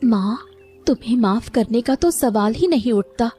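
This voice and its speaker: A woman voicing a loving, determined young daughter in an animated story, with a soft, earnest voice. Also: fairly high pitch, measured pace, faint music behind. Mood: tender. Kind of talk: Hindi cartoon voice acting.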